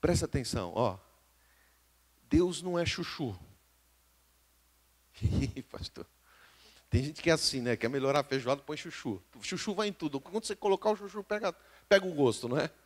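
A man's voice: on the high side, expressive, quick pace. A man with a Brazilian Portuguese accent, preaching a live sermon as pastor and calling out to the congregation. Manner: emphatic preaching that swings between hushed and loud, calling out to the congregation.

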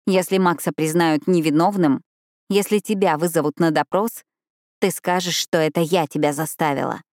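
A woman's voice: low-pitched, fairly even intonation, moderate pace, a little mellow, no room sound, clean studio sound, lightly acted. A woman reading a determined young woman who keeps insisting firmly. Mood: insistent.

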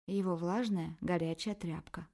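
A brazen, sultry inner wanton, as a woman reader puts her on, pitched a little higher and purring with shameless desire in an erotic audiobook. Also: steady tone, a little slow, dark tone.

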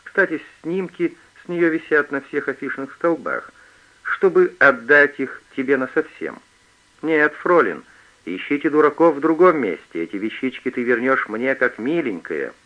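Male narrator voicing a menacing young thief, sneering to hissed threats, lively pitch, muffled audiobook. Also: normal speed, natural voice.

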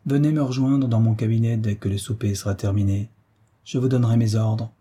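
A bold young hero who gives orders, read by a man. He sounds commanding on a dark, husky voice, pitched low. It is an audiobook reading. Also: steady tone, brisk, slight background noise, natural voice. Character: bold young male hero, quick-tempered leader.

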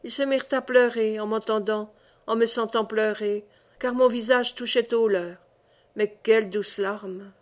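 A woman narrating a classic literary audiobook in a measured, expressive reading. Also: on the high side. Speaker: audiobook reader.

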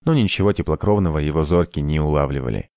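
A male audiobook narrator reading in an even, measured way. His voice is deep and low. The recording is dry, with no room sound. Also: vocal fry, dry recording. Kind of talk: scripted narration.

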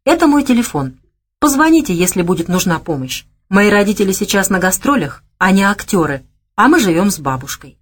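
Young woman vendor, read by a woman narrator: curious, teasing, animated, higher voice. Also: fairly quick, breathy edge. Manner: animated, teasing, raised pitch.

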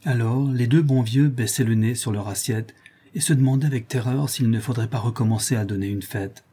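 A man narrating a novel as an audiobook in a measured, literary reading manner. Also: mid-range voice, mellow, slightly rough.

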